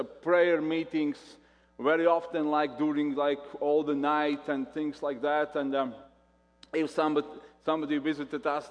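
A man with a Latvian accent preaches as a visiting pastor, his voice sitting a little high for a man. He speaks haltingly, circling back over his words as he goes. The sound carries a long echo from a church hall. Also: highs cut off. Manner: halting, repeats words often. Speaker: guest pastor. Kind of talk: sermon.

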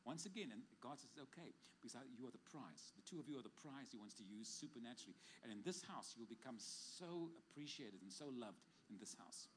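Male pastor, quick emphatic prophetic delivery, faint room ambience. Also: medium pitch, animated, background noise. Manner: fast, emphatic, joking asides. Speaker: pastor giving prophetic words. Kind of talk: prophetic ministry to congregation. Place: church service.

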